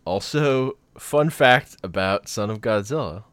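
Low-voiced guy chatting about movies, gets all animated, dry close sound. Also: measured pace, smooth, dry recording. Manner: animated, jumps into excited mock voices. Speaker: podcast co-host. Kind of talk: casual chat.

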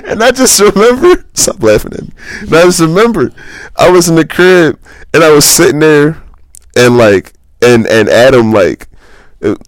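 A man co-hosting a podcast, telling stories in a relaxed, rambling way with lots of fillers. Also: a little high, normal speed, dry recording. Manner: laid-back, rambling storytelling with lots of fillers. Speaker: podcast co-host. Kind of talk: casual chat.

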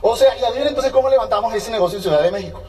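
A man speaking at a business seminar in an energetic, motivational way, acting out little dialogues as he goes. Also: very high-pitched, racing, far from the mic. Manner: energetic, acts out dialogues with changing voices.

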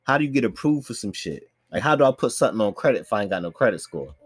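A man co-hosting a podcast in casual chat, slangy and animated, often repeating words as he talks. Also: on the low side, very fast, breathy edge, no echo, clean studio sound. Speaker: podcast co-host.

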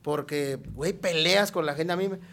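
A man's voice: fairly high pitch, moderate pace, gravelly, a bit bright. A man with a Mexican accent, joking crudely in a casual comedy chat and acting out quotes. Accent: Mexican Spanish. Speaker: podcast host.

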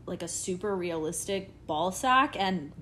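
A woman's voice: lowish voice, animated, unhurried, a bit bright. A woman in her twenties co-hosting a casual podcast and tossing in joking asides. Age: 20s. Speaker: podcast co-host. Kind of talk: casual chat.

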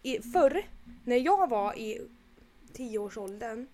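A woman co-hosting a casual podcast chat, blunt and animated, swearing often. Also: a little high. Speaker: podcast co-host.

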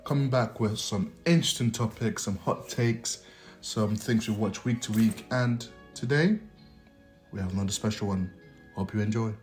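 A man's voice: on the low side, normal speed. A man presenting a podcast introduction as a voice-over. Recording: music under the voice. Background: music.

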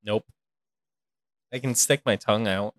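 A man's voice: lowish voice, measured pace, dry recording. A man in casual chat, teasing his partner and trying tongue twisters. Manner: playful, teasing.

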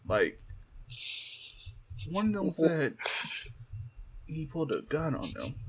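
A man's voice: medium pitch, a little hiss or hum. A man co-hosting a podcast in loose, profane casual chat, often reading quotes aloud. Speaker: podcast co-host.

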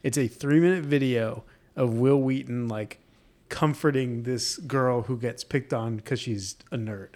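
A man's voice: medium pitch, a little slow, darkish tone. Easygoing podcast man from New York. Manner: easygoing, laughs often. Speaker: podcast co-host. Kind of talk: casual chat.

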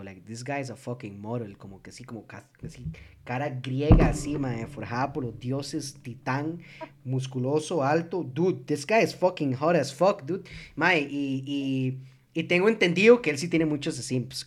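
A young man with a Costa Rican accent chatting casually with friends, slangy and loose, dropping English swear words into his talk. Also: mid-range voice. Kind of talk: casual group chat.

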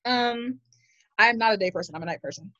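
A woman's voice: a little high, brisk, sharp tone, no echo, highs cut off. A young woman with a Maryland accent, co-hosting a podcast in casual chat, playful and teasing with lots of slang. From Maryland, USA. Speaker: podcast co-host.

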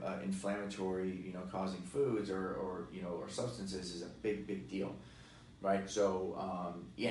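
A man in his forties with a very deep voice talks fitness as a guest expert in a loose podcast chat. He's energetic and emphatic, with many fillers like "you know" and "right?", heard through a distant mic in an echoey room with faint noise.

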